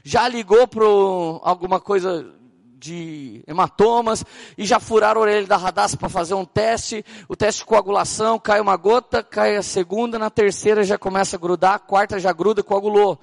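A Brazilian man preaching as a pastor, telling stories with animated acted-out dialogue. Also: high voice, moderate pace, gravelly. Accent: Brazilian Portuguese. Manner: animated storytelling, acting out dialogue. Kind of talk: sermon.

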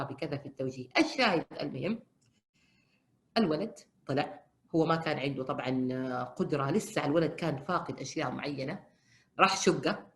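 A woman, a family counselor giving a lecture and retelling counseling stories, animated and acting out the people she quotes with sudden jumps in pitch.

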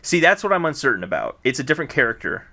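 Bright-voiced man chatting about games. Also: mid-range voice, very fast, creaky. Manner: relaxed, explanatory, with fillers. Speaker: podcast co-host. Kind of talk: casual chat.

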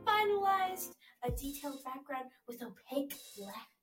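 Goofy high-voiced woman co-host, echoey. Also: very animated, moderate pace. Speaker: podcast co-host in a class skit. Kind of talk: playful scripted skit. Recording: roomy, distant, with music behind.

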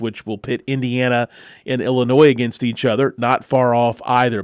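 A man's voice: mid-range voice, dry recording, studio quality. An American man hosting a local sports talk radio show, moving between talk and sponsor reads.

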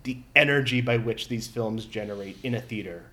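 A man's voice: on the low side, a little fast, bright, forceful tone. A man rambling casually about movies, with many fillers and swears. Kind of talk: casual chat.

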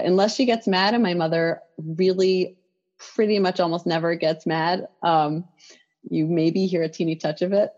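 A woman's voice: fairly low pitch, darkish tone, dull audio. A woman who writes children's picture books, chatting in an interview with lots of fillers and restarts. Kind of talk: casual interview conversation.

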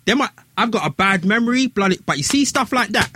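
A man with a London roadman accent tells stories in casual conversation. His voice is fairly high and very animated, with a husky edge. He leans on street slang and repeats himself for emphasis. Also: fast, no echo. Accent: London, urban street.

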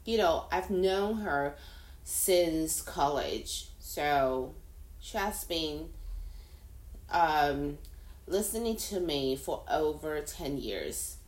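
This slow, low-pitched but animated woman hosts a casual solo podcast from an echoey room. She's from Taiwan, Mandarin is her first language, and her chatty, rambling talk comes out in halting second-language phrasing.

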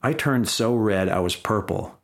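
A man's voice: lowish voice, measured pace, gravelly. A man reading his own comic first-person stories in a wry, blunt and profane manner. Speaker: memoir reader.

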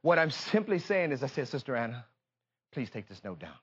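An American man preaches a fervent sermon, emphatic and repetitive in a call-and-response style, shifting between confiding talk and impassioned shouting. His medium-pitched voice is sing-song and a little fast, and the highs are cut off.

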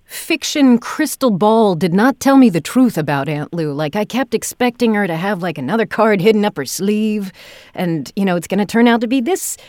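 A woman who works as a director hosts a casual interview podcast, speaking effusively and thoughtfully as she feels her way through her phrases. Her mid-range voice is a little mellow, with lively intonation and a moderate pace. The studio sound is clean, with no echo.

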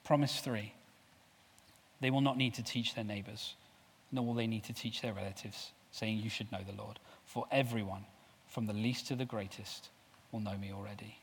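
A man preaching a sermon with passion, swinging from loud declarations to soft, low asides. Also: steady tone, normal speed, slight background noise. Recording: long hall reverb.

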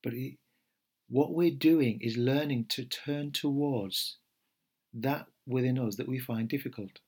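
A middle-aged man speaking in a gentle, unhurried way, like a meditation teacher talking to podcast listeners. His voice is a little husky and sits at an ordinary pitch. He pauses now and then with soft fillers and small restarts. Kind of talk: podcast talk before a guided meditation.

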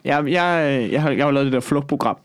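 A Danish-sounding comedian man co-hosting a podcast, talking in a lively, swearing, repetitive way. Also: mid-range voice, smooth, no echo. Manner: animated, swears freely, repeats himself. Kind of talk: casual podcast chat.

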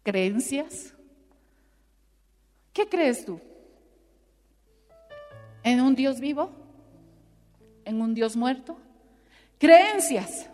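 A woman's voice: high-pitched, extremely slow, pauses often, dark tone. A woman preaching a sermon with emphatic rhetorical questions, acting out little dialogues. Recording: long hall reverb with faint music.

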